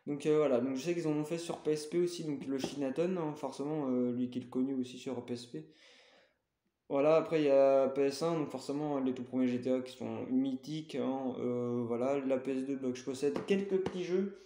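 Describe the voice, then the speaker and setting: A man's medium-pitched, warm voice moves fairly quickly as he casually shows his game collection. He stumbles with frequent fillers and corrects himself often, and the recording is reverberant.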